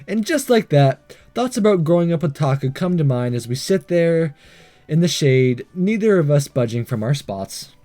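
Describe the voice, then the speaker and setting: A let's play host with a fairly high, mellow voice reads a visual novel aloud at a moderate pace, very animated, stumbling over lines, re-reading them and adding commentary while game music plays behind him.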